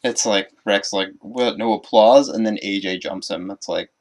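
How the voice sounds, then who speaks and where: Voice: deep voice, fairly even intonation, moderate pace. A podcast co-host chatting casually about a film, agreeing a lot and swearing offhandedly.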